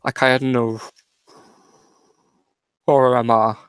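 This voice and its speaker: A man calling in to a talk show over a call line, talking in a halting way with fillers and restarts. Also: mid-range voice, level tone, clear, resonant tone, no echo. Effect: call-in voice heard over a call line. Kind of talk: casual chat.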